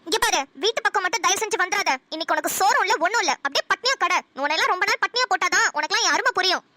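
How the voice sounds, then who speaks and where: A woman voicing a fiery, sharp-tongued young wife in a cartoon, scolding in a rapid-fire stream. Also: very high-pitched, animated, exaggerated voice. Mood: angry. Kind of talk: cartoon voice acting.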